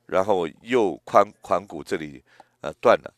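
A man in his eighties preaching a sermon in a gentle, reflective way, often pausing and restarting his phrases. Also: low-pitched, animated, dry recording, clean studio sound. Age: 80s.

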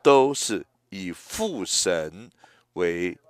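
Slow, gentle older man preaching. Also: low voice, big pitch swings, dry recording. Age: 80s. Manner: slow, gentle, reflective, with hesitant restarts. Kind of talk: sermon.

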